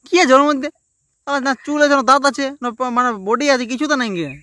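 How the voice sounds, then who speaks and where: Speaking at an extremely high pitch, a young prank caller talks quickly in a steady tone, pleading and arguing melodramatically and insistently. He has a rural western Bengali accent from Purulia, West Bengal, India. The casual call was recorded outdoors with heavy background noise.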